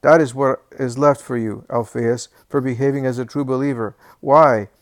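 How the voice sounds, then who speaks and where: In a steady tone and at a moderate pace, a man voices a sick old man in a senile fit of temper, cursing, accusing, and complaining in a shrill, querulous voice that sounds angry and self-pitying. The recording is studio quality with no room sound, and his voice is natural.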